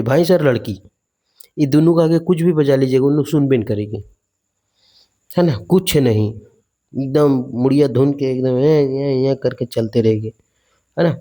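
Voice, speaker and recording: A male coaching teacher from India with a warm, dark voice at an ordinary pitch. He talks in a casual, chatty way, chanting words over again as memory tricks and checking whether his students follow. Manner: chatty, repeats words in mnemonic chants, asks learners questions. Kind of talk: vocabulary lesson.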